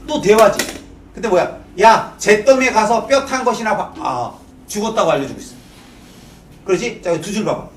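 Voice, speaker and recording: This man's voice sits high as he lectures, blunt and casual in manner, lobbing one rhetorical question after another at the class at a brisk pace. Recorded from a distance in an echoey space, the clip carries a little hiss or hum.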